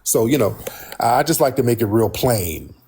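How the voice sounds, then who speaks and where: An American man hosts a casual live talk in a husky, medium-pitched voice. His speech is blunt and colloquial. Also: animated, normal speed, a little mellow. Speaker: host.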